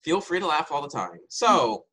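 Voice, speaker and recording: A man's voice: fairly high pitch, very animated, normal speed, pushed and bright, a little hiss or hum, low-quality recording. Man spinning a playful tall tale. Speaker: game host and player. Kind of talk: improvised storytelling game. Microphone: video call.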